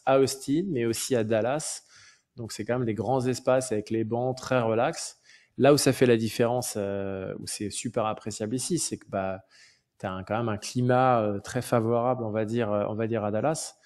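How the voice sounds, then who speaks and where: A man's voice: mid-range voice, a little mellow. A man co-hosting a podcast, talking in an easygoing, chatty way with plenty of filler sounds. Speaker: podcast co-host. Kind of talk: casual podcast chat.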